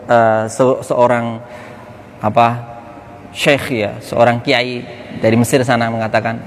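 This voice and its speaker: A man giving an informal, animated religious lesson to young students. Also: mid-range voice, in a large hall, slight background noise. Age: 30s. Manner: animated, acts out classmates' quips. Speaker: ustadz teaching students.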